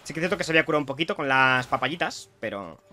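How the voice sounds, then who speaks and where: A young man from Spain with a Spanish accent, chatting excitedly to viewers while commentating his own gameplay. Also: on the high side, rapid-fire, faint music behind. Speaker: streamer playing a video game.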